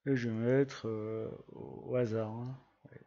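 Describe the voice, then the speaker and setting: A man giving a casual screen-recorded software tutorial, chatting through each click with little sound words. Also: mid-range voice, flat delivery, slow, muffled recording. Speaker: GIS tutorial presenter.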